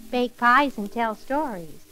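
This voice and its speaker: A woman narrating a children's story for an old record in a sweet, gently theatrical way, talking kindly to a little elf. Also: on the high side, lively intonation, slow, a little hiss or hum, rough recording. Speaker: storyteller and host.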